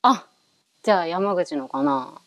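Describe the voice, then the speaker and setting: Young woman, Yamaguchi dialect, lively bouncy pitch, dry close mic, playful co-host. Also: a little slow, no echo. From Yamaguchi, Japan. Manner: playful, laughs often. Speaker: podcast co-host. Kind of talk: casual chat.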